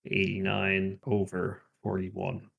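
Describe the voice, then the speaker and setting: A man's voice: low voice, completely flat delivery, takes it slowly, gravelly, fairly bright tone, breathy edge. A man playing a tabletop game, describing his moves in a hesitant way. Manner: hesitant, filler-heavy. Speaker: player. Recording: music bed underneath.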